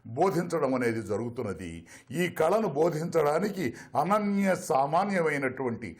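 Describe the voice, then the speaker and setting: A man speaking in an interview in elaborate, formal phrases, pausing with frequent fillers. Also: a little high, sing-song.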